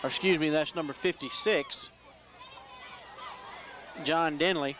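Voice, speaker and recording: A man calling high school football play-by-play, building up loudly on big plays. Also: measured pace, crowd noise, background noise. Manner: excitable in big plays, rising loud. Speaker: play-by-play announcer.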